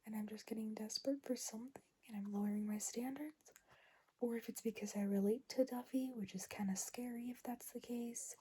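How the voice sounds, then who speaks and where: A young woman vlogging from bed at midnight, talking in a hushed, chatty whisper full of fillers. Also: fairly high pitch, steady tone, brisk, slight background noise. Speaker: book vlogger. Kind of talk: late-night casual vlog. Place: in bed at night.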